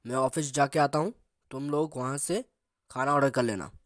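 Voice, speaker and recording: In a clean studio recording with no room sound, a man plays a playful young guy joking around with his friends. His voice is mid-range and fairly bright, moderately paced, and close to how someone talks every day.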